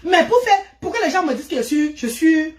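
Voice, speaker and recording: High-voiced woman vlogging in a roomy space. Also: a little fast. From Cameroon. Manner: animated, repeats words for emphasis. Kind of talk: casual storytelling monologue. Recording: roomy echo.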